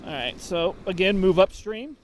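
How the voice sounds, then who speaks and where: Fly fishing instructor, man, slightly high voice, casual outdoor demo with faint road noise. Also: lively intonation, normal speed. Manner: casual, explanatory, thinking aloud. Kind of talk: on-the-water instruction. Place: outdoors at a creek.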